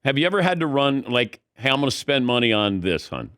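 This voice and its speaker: A middle-aged male host asking questions in a relaxed, curious manner. His pitch moves around a lot, and the sound is dry and close. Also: fairly quick, clear, resonant tone, no room sound. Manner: curious, easygoing, laughs along. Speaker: sports talk show host. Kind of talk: casual interview questions.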